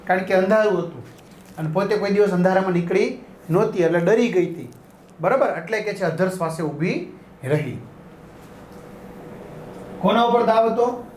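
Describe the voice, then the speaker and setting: A man's voice: high-pitched, slight background noise. A male teacher explaining a school lesson, repeating and rephrasing each line and checking in with his students. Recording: echoey room.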